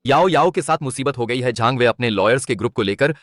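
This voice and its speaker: A man's voice: mid-range voice, expressive, fast, lightly acted. A man dubbing a protective uncle who warns and reassures his niece. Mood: worried. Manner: earnest, reassuring. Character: protective uncle, steady and caring. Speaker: dub actor. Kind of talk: Hindi drama dub.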